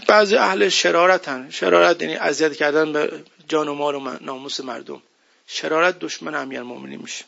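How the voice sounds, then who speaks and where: A man's voice: fairly high pitch, vocal fry, pushed and bright. A man giving a religious sermon in an emphatic, conversational way, often asking rhetorical questions. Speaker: preacher. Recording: dull lo-fi recording.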